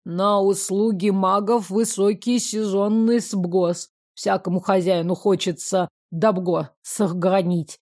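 A woman's voice: mid-range voice, warm tone, natural voice. A woman reading an audiobook, voicing a thin, bearded male lawyer who speaks courteously with a burred r. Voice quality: burring r, lisping rolled r. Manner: courteous, measured, businesslike.

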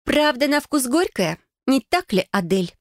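A haughty young cousin, smug and taunting, her voice pitched up high and bright, as a woman reader puts her on. She speaks in a dry, close recording with no room around it. The tone is steady, cutting mockery. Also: a little fast, no echo, close to an everyday voice. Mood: mocking. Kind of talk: audiobook character voicing.

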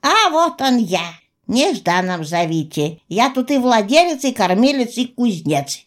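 A shrill, wrinkled little innkeeper from an audiobook, boastful and fussy, as a woman narrator puts him on. He squeaks high and swings his voice about as he protests. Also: very animated, a little slow. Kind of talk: audiobook character voice.

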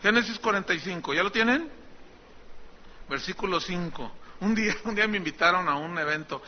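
High-voiced pastor preaching. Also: male voice, brisk, lo-fi sound, slight background noise. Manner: conversational storytelling, teasing the congregation. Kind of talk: sermon.

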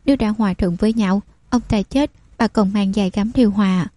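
A woman voicing a cool, sharp young noblewoman who speaks with calm command. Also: mid-range voice, a little fast, dry recording, lightly acted.

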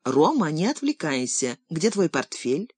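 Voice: medium pitch, very animated, a little slow, a little mellow, breathy edge, no echo. A narrator voicing a strict, sceptical elderly grandmother in an audiobook, with curt, stern scolding. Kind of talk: audiobook character reading.

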